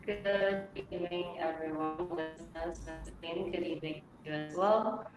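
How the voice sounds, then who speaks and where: A woman's voice: sits low, steady tone, normal speed, music in the background. Woman on a breaking-up, glitching call line. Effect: call audio breaking up and cutting out. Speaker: guest panelist from a youth group. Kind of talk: radio talk show introduction. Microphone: remote call line. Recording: echoey, distant, noisy call line.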